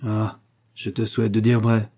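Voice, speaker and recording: A man's voice: on the low side, completely flat delivery, measured pace, mellow. A man voicing a harsh, domineering older engineer who berates his son in a scornful, raised voice.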